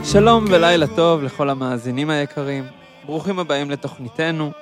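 A man hosting a radio show, telling a funny story with animated delivery and plenty of fillers. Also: fairly high pitch, over loud music. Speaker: radio host.

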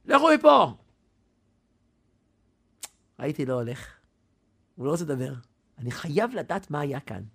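A man preaching a sermon, telling a story dramatically, swinging from loud to hushed. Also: mid-range voice, lively intonation, pauses often, breathy edge.

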